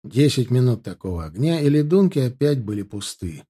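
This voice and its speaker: A man narrating a historical war novel in a steady storytelling manner. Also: medium pitch, a little fast, slightly rough. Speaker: audiobook narrator. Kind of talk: scripted narration.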